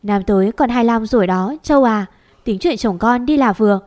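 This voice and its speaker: A woman's voice: on the high side, moderate pace, darkish tone, natural voice. A woman voicing a scolding old grandmother. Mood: chiding. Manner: chiding, homely advice.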